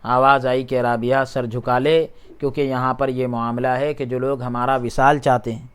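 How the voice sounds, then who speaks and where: A man teaching a religious lesson. He reads a passage aloud, then restates each phrase in simpler words, and gets louder at emphatic points. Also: mid-range voice, little pitch movement, clear, resonant tone. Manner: rises in loudness at emphatic points. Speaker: Islamic scholar teaching a class. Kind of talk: religious lesson, reading a text aloud and explaining it.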